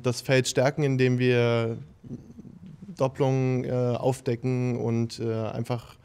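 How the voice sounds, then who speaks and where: A man explaining his initiative's aims hesitantly, with fillers, in a bright meeting room. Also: mid-range voice, clear, resonant tone. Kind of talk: workshop self-introduction.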